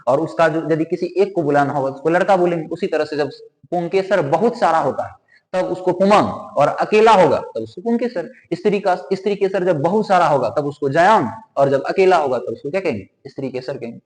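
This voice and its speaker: Male biology teacher, fairly high voice, quizzes himself aloud, long room reverb. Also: animated, brisk. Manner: asks questions and answers them himself, repeating terms. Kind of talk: classroom lesson with drawing.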